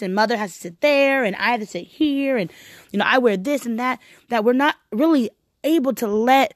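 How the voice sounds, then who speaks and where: A woman's voice: fairly high pitch, no echo, studio quality. A woman talking casually and heartfeltly about faith and church, often saying "like" and "right?". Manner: heartfelt, animated, frequent "like" and "right?".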